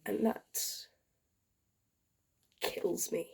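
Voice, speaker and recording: A woman performing a dying, lovesick male soldier-poet in a hushed, half-whispered, heartfelt farewell monologue. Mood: grieving, tender. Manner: tender, grieving, slow and heartfelt. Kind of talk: dramatic monologue reading.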